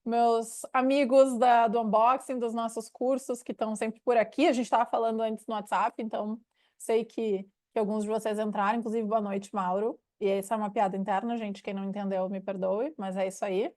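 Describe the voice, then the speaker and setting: A woman from Rio Grande do Sul, Brazil, with a gaúcho Brazilian Portuguese accent, hosts a webinar as director of a knowledge unit, giving a conversational yet didactic, explanatory presentation. Her voice is on the higher side, a little mellow and level in tone, and she speaks briskly.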